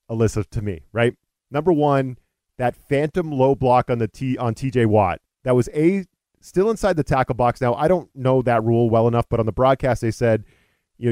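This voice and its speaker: A man's voice: medium pitch, darkish tone, no room sound. Exasperated, ranting male sports host. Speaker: podcast host. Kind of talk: casual sports talk.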